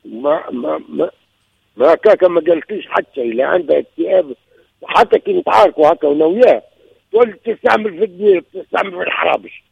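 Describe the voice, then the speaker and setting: Over lo-fi audio with no room sound, a sixty-something man with a Tunisian accent talks fast about a personal problem in his marriage. His fairly high, expressive voice is gravelly with a breathy edge, and he hammers his points home by repeating them.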